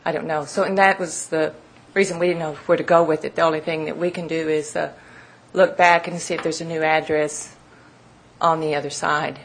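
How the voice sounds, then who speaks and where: A woman's voice: deep voice, level tone, a little fast, a little hiss or hum. A woman from the county office, out of breath, explaining procedure plainly at a public meeting.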